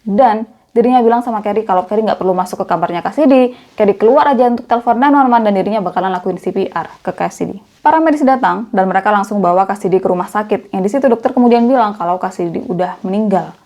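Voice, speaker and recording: A woman's voice: medium pitch, quick pace, mellow. A young woman narrating a true crime case in a chatty, conversational way, as the channel's storyteller.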